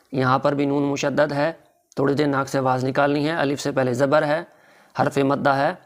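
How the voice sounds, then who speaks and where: A man teaching Quran recitation rules in a methodical, instructive tajweed lesson. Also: medium pitch.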